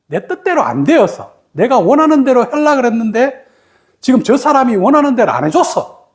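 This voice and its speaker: A woman's voice: fairly high pitch, very animated, a little fast. A woman giving a meditation talk, explaining patiently with everyday examples and asking the listeners rhetorical questions. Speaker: meditation teacher. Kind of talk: spoken meditation teaching.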